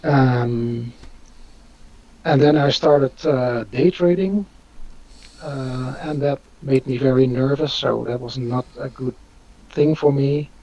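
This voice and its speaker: A man's voice: mid-range voice, fairly even intonation, takes it slowly, dark tone. A man, hosting a live Q&A on a video call, talking hesitantly with many fillers. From Netherlands. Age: 50s. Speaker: host. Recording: dull lo-fi audio.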